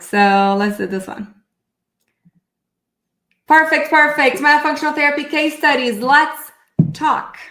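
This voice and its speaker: With a slightly high, gravelly voice, this course instructor runs a casual live webinar lesson. She's a middle-aged native Portuguese speaker from Brazil, animated and talkative, addressing her viewers directly.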